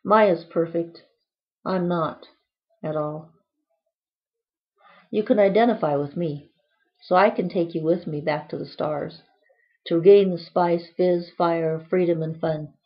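A woman's voice: low-pitched, highs cut off. A woman reading aloud from her own book in a playful, whimsical way, with quirky asides.

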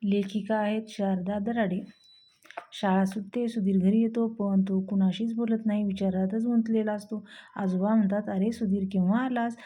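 A woman's voice: mid-range voice, level tone, normal speed, warm tone. Woman reading a textbook lesson.

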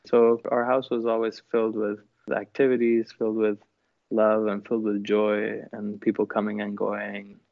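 Brief: man from Chile, even and low, reflective interview guest, lo-fi dry audio. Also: normal speed, gravelly, no echo. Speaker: musician guest. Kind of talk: interview answers. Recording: dull lo-fi dry sound.

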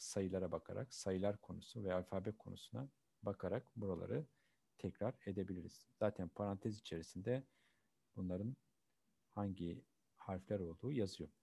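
A man with a fairly low voice works through a textbook lesson as a teacher. He asks questions and answers them himself, and slows down to read out each example sentence clearly. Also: warm tone, no echo. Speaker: German teacher. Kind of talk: classroom lesson explaining textbook exercises.

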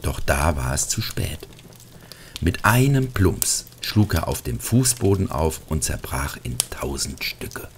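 A middle-aged man reading a Christmas storybook aloud, gentle and hushed at times, with lively swings into character voices. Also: takes it slowly, a little hiss or hum. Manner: gentle, hushed, drops to a whisper in places; lively character voices rising high for quotes. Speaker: narrator. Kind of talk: scripted storybook narration.

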